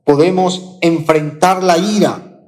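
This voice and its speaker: A man with a Colombian accent preaching a sermon as pastor, slow and emphatic, repeating key phrases. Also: fairly high pitch, steady tone, darkish tone, long reverb tail. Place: church auditorium.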